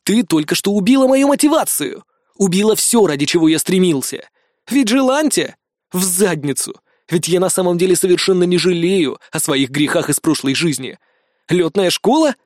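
A man voicing a defiant, foul-mouthed young man in an audiobook, snarling and sarcastic. The voice runs a little high for a man and sits dry and close. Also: expressive, moderate pace, a little mellow, no room sound. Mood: bitter.

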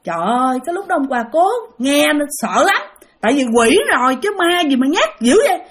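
A woman's voice: high voice, very animated, a little fast, slight background noise. A woman with a Southern Vietnamese accent telling a ghost story, speaking directly to her listeners and repeating herself for effect.

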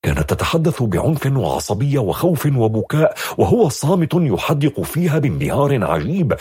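A man narrating a story, reading it aloud with lively, expressive delivery. His voice is very husky and breathy, and his pitch moves a lot. The recording is dry and close. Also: dry recording. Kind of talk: scripted narration.

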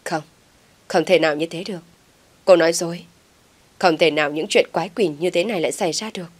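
A woman's voice: lowish voice, fast talker, natural voice. A woman voicing a bewildered young man who stammers in panic. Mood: panicked. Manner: stammering, flustered.

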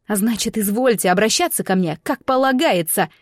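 A woman's voice: mid-range voice, lively intonation, brisk, dry recording, studio quality, natural voice. A woman voicing a defiant, hot-tempered young bride who talks back sharply.

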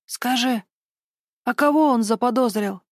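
A woman's voice: on the high side, a little slow, darkish tone, no room sound, clean studio sound, pitched above the performer's own voice, lightly acted. A woman voicing an anxious, protective older man who speaks with urgent, indignant questions. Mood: probing.

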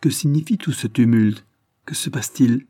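A man voicing a frightened, gentle young noblewoman, his voice trembling and breathless. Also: mid-range voice, moderate pace, breathy edge, dry recording, clean studio sound, pitched above the performer's own voice, close to an everyday voice. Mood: anxious. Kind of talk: audiobook character voice.

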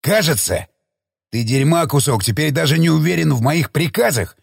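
Brief: male reader as gruff, threatening ex-army commander, audiobook; barking, animated delivery, dry mic. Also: on the high side, moderate pace, dry recording, full character voice. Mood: furious. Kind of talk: audiobook character reading.

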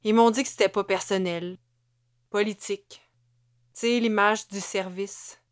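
A woman's voice: mid-range voice, fairly even intonation, a little slow, lightly acted. A woman voicing a terse woman just fired. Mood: flat, shaken. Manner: clipped, terse sentences. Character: blunt, shaken woman just fired from her job. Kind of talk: audiobook character voice.

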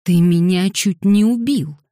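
A woman narrator plays an exasperated young man in a brawl, his retorts hoarse and rasping. Her voice stays low and mellow, recorded close and dry. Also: unhurried, dry recording, natural voice.

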